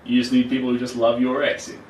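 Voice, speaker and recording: A man's voice: medium pitch, completely flat delivery, fast talker, a little mellow. A man with a broad New Zealand accent chatting casually and encouragingly to viewers as he hosts a livestream. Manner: encouraging, reassuring. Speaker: livestream host. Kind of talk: casual livestream chat while working, replying to viewers. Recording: roomy, distant mic with faint noise.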